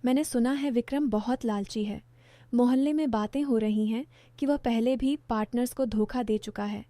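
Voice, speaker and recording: An anxious young daughter in a spoken story, read by a woman in her own voice. Fairly high and mellow, evenly read, with a dry, close sound. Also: normal speed, no echo, natural voice. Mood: worried.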